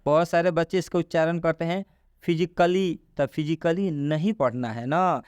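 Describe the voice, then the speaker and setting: Male tutor, fairly high voice, drills and questions the class. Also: normal speed, clear, resonant tone, no room sound, studio quality. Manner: repeats rules and quizzes the listener. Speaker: English pronunciation teacher. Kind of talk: classroom-style explanation.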